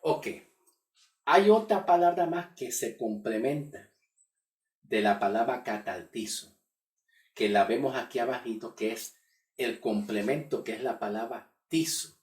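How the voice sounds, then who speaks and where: A man's voice: mid-range voice, lively intonation, unhurried, darkish tone. A man teaching a Bible study lesson, who repeats key words and keeps checking in with his listeners. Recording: echoey room, voice from far off the mic.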